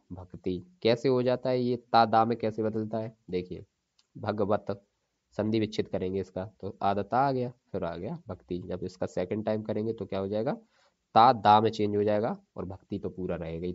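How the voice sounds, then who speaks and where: A man teaching Hindi spelling for an exam, repeating each word slowly and checking in with his students. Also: lowish voice, lo-fi sound.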